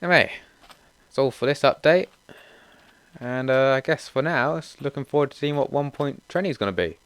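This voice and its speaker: Smooth-voiced young man reading patch notes. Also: medium pitch, a little fast, no room sound. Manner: steady read-through with casual asides. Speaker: gaming channel host.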